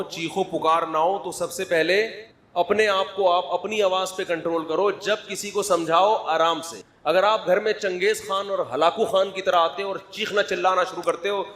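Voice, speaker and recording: A man's voice: a little high, a bit bright. A middle-aged man, preaching in a conversational sermon, prodding listeners for answers and joking. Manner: conversational, humorous, prods the audience for answers. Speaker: religious scholar.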